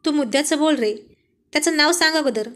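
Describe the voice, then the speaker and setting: A woman doing a jealous young husband and boss in a spoken storybook, irritable and blustering. The voice stays high-pitched. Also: fast talker, fairly bright tone. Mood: irritated.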